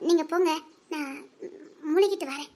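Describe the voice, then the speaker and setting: A guilt-stricken young wife whose very high, thin voice trembles as she talks. She pleads through tears, and her words keep cracking into nervous, shaky laughs. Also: moderate pace, mellow. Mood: hesitant. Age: young adult. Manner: tearful, remorseful, voice breaking into shaky laughs. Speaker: young wife in a drama series. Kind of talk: emotional drama acting.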